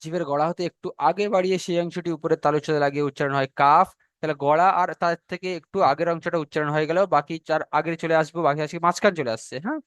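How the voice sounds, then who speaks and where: A man teaching a class on pronouncing Arabic letters, slow and repetitive, drawing out each letter sound and checking in with his students. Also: a little high, steady tone, fairly bright tone, smooth, no echo. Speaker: Quran recitation teacher. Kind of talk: classroom lesson on letter pronunciation.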